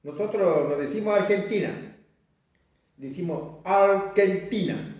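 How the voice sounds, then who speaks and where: A man's voice: a little high, mellow. Older man in an echoey hall. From Chile. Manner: rambling, repeats words, slow deliberate stretches. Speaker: Mapudungun teacher. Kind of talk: informal class talk. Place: community cultural center. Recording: very echoey room, speaker far from mic.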